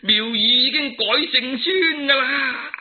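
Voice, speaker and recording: A man voicing a cocky, mischievous monkey king in Cantonese, with loud, jeering, dramatic storybook delivery. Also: extremely high pitch, unhurried. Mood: gleeful taunting. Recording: narrow phone-like archive audio.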